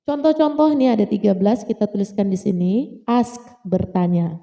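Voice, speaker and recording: A woman's voice: mid-range voice, animated, moderate pace, vocal fry, dark tone, big-room sound. A woman teaching grammar in a casual, patient way, repeating points and checking that listeners follow. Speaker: English teacher. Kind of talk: casual lesson explaining grammar.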